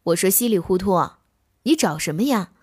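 A woman's voice: mid-range voice, expressive, normal speed, husky, no echo, clean studio sound. A woman voicing a proud, boastful grown male wolf in a children's story, lecturing in a show-offy, impatient way.

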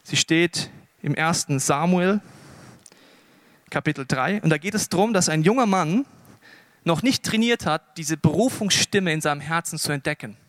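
A man preaching a sermon in an animated way, often slowing for emphasis. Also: on the high side, no echo, studio quality. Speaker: pastor.

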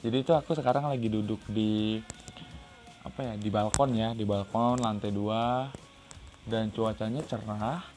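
Rambling low-voiced man telling travel stories. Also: steady tone, moderate pace, a little mellow. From Riau, Indonesia. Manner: rambling, many fillers and restarts. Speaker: travel podcaster. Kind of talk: casual travel storytelling. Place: second-floor balcony outdoors.

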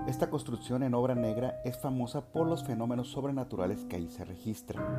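A middle-aged Mexican man with a Mexican Spanish accent, hosting a podcast and telling a story in a measured, formal way with occasional hesitations. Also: mid-range voice. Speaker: podcast host. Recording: loud music under the voice.

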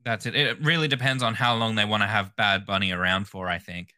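A man co-hosting a casual podcast chat, measured, with dry remarks. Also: lowish voice, steady tone, pushed and bright, clean tone. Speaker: podcast co-host.

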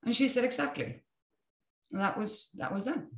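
A woman's voice: fairly high pitch, very animated, normal speed. A young woman, a fitness and yoga coach, talking reflectively as an interview guest. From Iceland. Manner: reflective, with many restarts and "like". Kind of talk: casual interview chat. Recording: roomy room echo.

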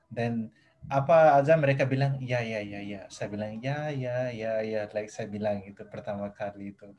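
Young man, halting speech. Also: lowish voice, a little mellow. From Nepal. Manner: halting, hesitant, mixing in English phrases. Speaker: guest. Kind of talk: casual interview chat.

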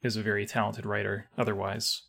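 A man's voice: fairly low pitch, flat delivery, a little fast, creaky, pushed and bright. A man co-hosting a casual podcast, wry and easygoing, laughing along with his partner. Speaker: podcast co-host.

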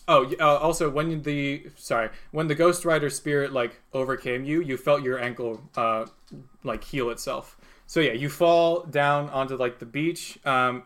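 A man improvising narration as a tabletop game master in an informal, halting, filler-heavy way. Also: medium pitch, fairly bright tone.

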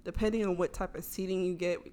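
A woman's voice: lowish voice, fairly even intonation, fast talker, warm tone. A woman chatting casually on a podcast, explaining travel tips and laughing often. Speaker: podcast co-host.

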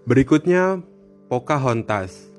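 Over a music bed, a horror podcast host reads his scripted narration slowly and expressively. His voice is mid-range with a darkish tone.

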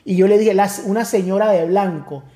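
Man, pastor guest, high mellow voice, earnest testimony storyteller. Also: a little fast. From Nicaragua. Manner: earnest storytelling, many restarts. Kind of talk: testimony in casual conversation.

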